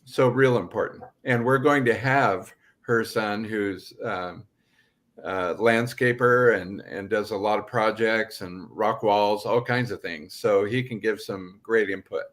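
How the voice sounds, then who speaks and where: A man's voice: lowish voice, unhurried, a bit bright. An older man co-hosting a real estate podcast, talking earnestly and casually with a Pacific Northwest American accent. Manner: earnest, agreeable, short affirmations. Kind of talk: casual chat.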